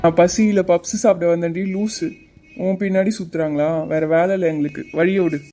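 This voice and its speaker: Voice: medium pitch, steady tone, fairly quick, mellow, soft background music, lightly acted. A performer voicing Arjun, a young man who talks in an earnest, reassuring way, for a cartoon. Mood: casual. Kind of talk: cartoon voice acting.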